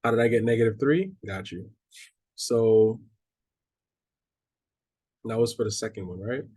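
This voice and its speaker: Casual math teacher with a husky, mellow voice. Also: male voice, on the low side, a little slow. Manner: casual, checks in with students, restarts while reading. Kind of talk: online class lecture.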